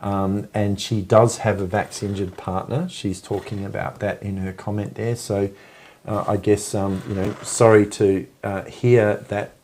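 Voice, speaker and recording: A man hosting a casual live stream chat, talking in a halting way full of ums and restarts. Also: fairly low pitch, little pitch movement, darkish tone, slight background noise.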